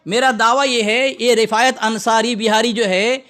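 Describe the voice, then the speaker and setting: A man's voice: very high voice, fairly even intonation, a bit bright, faint music behind. A man in a heated religious debate, insistently repeating himself and drilling the pronunciation of an Arabic phrase.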